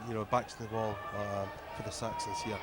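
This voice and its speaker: A man's voice: lowish voice, little pitch movement, fairly quick, a loud crowd. A man giving live American football commentary as a co-commentator. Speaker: sports co-commentator.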